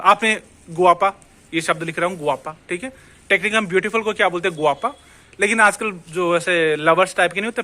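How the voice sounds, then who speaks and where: A man's voice: a little high, sharp tone. A man with an Indian accent teaching a casual language lesson, chatty, repeating words and checking in with the viewer. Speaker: Spanish teacher.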